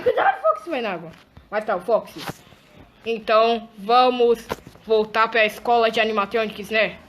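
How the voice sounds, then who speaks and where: Excitable woman in a game role-play. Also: medium pitch, slight background noise. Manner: excitable, gasping and repeating exclamations.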